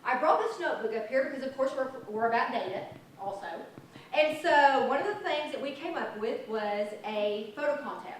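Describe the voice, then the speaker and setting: A woman in her late forties speaks at a conference, chatty and enthusiastic, joking at her own expense. Her voice sits a bit high. She is picked up from a distance, with heavy room echo and a faint hiss behind her. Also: lively intonation, normal speed. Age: 40s. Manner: chatty, self-deprecating, enthusiastic. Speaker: prevention program presenter. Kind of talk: conference presentation. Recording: echoey hall from far off, faint noise.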